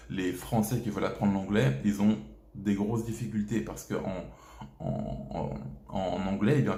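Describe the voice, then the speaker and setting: A man's voice: fairly low pitch, creaky, dark tone. A French man hosting a casual video lesson, talking straight to the viewer with many hesitations and restarts. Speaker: English teacher, channel host. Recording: echoey room.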